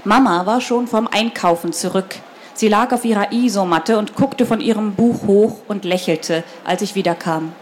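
A woman's voice: mid-range voice, normal speed, slight background noise. Woman reading a children's book aloud. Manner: lively, addresses listeners directly.

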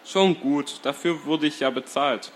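A man's voice: on the high side, unhurried, a little hiss or hum, close to an everyday voice. Guy reading as a blunt old village lady, wary, matter-of-fact.

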